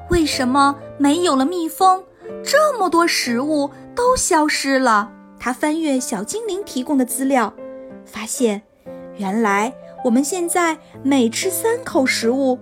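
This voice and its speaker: A woman narrating a scripted children's story in an expressive storytelling manner, as if for young listeners. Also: high voice.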